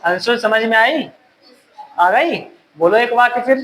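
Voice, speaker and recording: A man teaching a grammar lesson to a class of students, often repeating his questions and gently scolding them. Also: extremely high pitch, measured pace, a little hiss or hum, rough recording.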